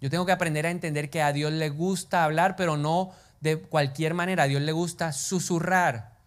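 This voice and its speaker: A man preaching a sermon, animated, sometimes dropping to a whisper and putting questions to the congregation. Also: fairly high pitch, moderate pace. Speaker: pastor.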